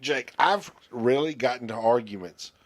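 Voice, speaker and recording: A man's voice: mid-range voice, moderate pace. A man co-hosting a podcast in casual chat, rambling with stammered restarts. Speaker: podcast co-host.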